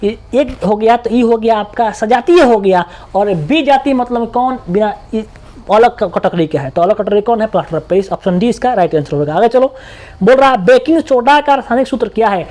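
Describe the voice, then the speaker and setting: A man with a Bihari accent tutoring students for an exam. He talks quickly and colloquially, drilling points by repeating them. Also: sits high, expressive, a little mellow. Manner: rapid, repetitive drilling, colloquial. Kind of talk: exam-prep lesson.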